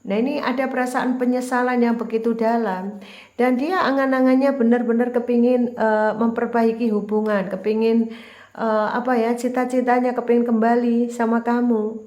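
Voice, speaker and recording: A woman tarot reader talks straight to the viewer in a chatty, repetitive way. Her voice sits a little high, and the room around her adds a clear echo. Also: darkish tone. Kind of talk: casual general tarot reading monologue. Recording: roomy echo.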